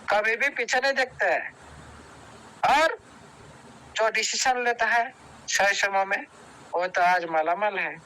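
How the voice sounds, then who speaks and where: Bright, clear-voiced man giving a pep talk. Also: sits high, low-quality recording. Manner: exhorting, repetitive, halting with restarts. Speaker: team leader speaking in an online meeting. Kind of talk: motivational speech to a group. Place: online meeting. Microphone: video call.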